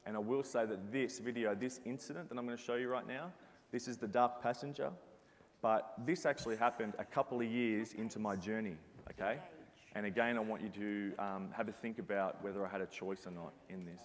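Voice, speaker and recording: A man's voice: lowish voice, fairly even intonation, brisk. Earnest man in a reverberant hall. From Australia. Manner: earnest, reflective storytelling. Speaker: former basketball captain giving a talk. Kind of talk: motivational presentation.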